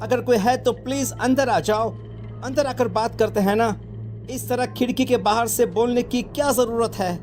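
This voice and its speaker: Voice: mid-range voice, moderate pace, darkish tone, slight background noise, close to an everyday voice. A voice actor playing a confused twenty-year-old young man in a cartoon, earnestly protesting. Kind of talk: Hindi cartoon voice acting.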